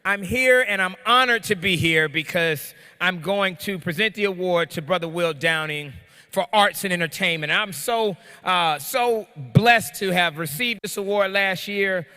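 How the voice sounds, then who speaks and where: A man presenting an award at a ceremony, loud and excited, calling out to the crowd. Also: sits high, a little slow, clean tone, in a large hall. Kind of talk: energetic ceremony speech. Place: large hall.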